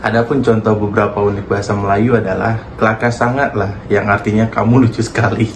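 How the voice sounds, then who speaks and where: A young man, a university student, giving a class presentation with an even, steady reading manner. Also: on the low side, fast talker, a little hiss or hum. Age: young adult. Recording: echoey room.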